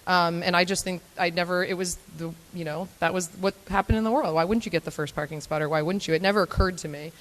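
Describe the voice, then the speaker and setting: Chatty young woman giving a talk to a crowd, lots of ums, bit low voice, echoey hall. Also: steady tone, fast talker, hardly any pauses. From Florida, United States. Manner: chatty and self-deprecating, with frequent filler ums. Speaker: guest speaker at a morning talk event. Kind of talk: conversational live talk to an audience. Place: event hall before a live audience. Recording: long hall reverb.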